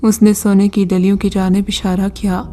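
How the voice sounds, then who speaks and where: A woman storyteller reading a first-person story in an even, measured way. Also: medium pitch.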